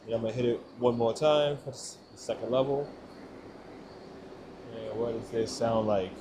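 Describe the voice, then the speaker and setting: A man's voice: medium pitch, fairly even intonation, normal speed. A man vlogging a gear test who thinks aloud and checks in with the viewer, speaking into a small wireless mic in a subway station with the mic's noise reduction processing switched on. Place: subway station with trains passing. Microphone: small wireless clip-on mic. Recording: noisy transit background, noise-reduced.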